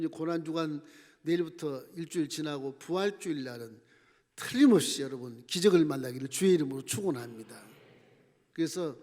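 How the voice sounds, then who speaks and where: A middle-aged male pastor preaching a Sunday sermon, swinging between loud emphatic lines and low, near-whispered asides. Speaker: senior pastor. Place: church sanctuary. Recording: church hall with long reverb.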